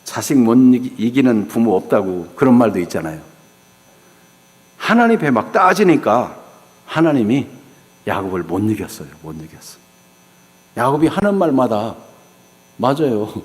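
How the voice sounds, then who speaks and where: A man's voice: medium pitch, big pitch swings, moderate pace, pauses often, darkish tone. A male pastor preaching a dramatic sermon, acting out pleading voices of biblical figures. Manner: dramatic, acts out biblical figures' pleas in rising cries. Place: church sanctuary. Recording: hall reverb with mains hum.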